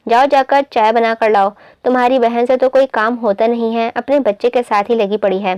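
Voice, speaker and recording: A scheming middle-aged aunt, voiced by a woman reading aloud, bossy and falsely sweet. Her voice is fairly high and close. The room sound is dry. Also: fairly even intonation, moderate pace, darkish tone, clean tone, no room sound, lightly acted.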